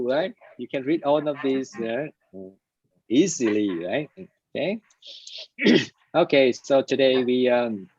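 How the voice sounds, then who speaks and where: A man's voice: medium pitch, dry recording. A man teaching an English class online, drilling words and often checking with "right?". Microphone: computer microphone on a video call. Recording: dull lo-fi online call audio.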